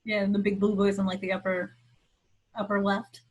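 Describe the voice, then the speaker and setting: A woman's voice: mid-range voice, level tone, moderate pace, husky, low-quality recording. A woman in casual chat on a video call, making dry jokes. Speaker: robot team member.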